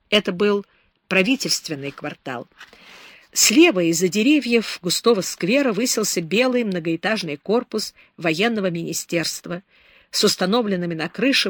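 A woman reading an audiobook novel in a steady, measured narration, close to a dry microphone. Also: medium pitch, no room sound.

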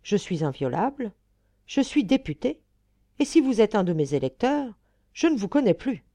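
A woman's voice: on the low side, sing-song, a little slow, dark tone, dry recording. A woman reading an audiobook voices a timid elderly count who protests meekly. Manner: timid, then indignant. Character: timid, elderly count, newly elected deputy.

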